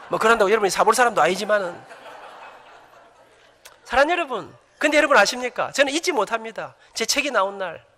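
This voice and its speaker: A man's voice: sits high, sharp tone. A middle-aged man, a church elder, giving a humorous, emphatic testimony to a congregation in a church sanctuary. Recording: echoey church hall.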